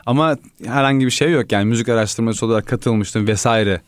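A man's voice: mid-range voice, brisk, dry recording, clean studio sound. A man from the Aegean region of Turkey, a music researcher chatting on radio in a joking, deferential way. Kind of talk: casual radio chat.

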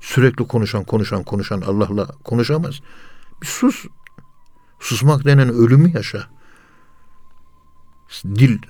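A man's voice: medium pitch, moderate pace, pauses often, mellow, no room sound. A man teaching in a spiritual talk, urging listeners with repeated rhetorical questions. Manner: earnest, repetitive exhortation with rhetorical questions. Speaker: religious teacher.

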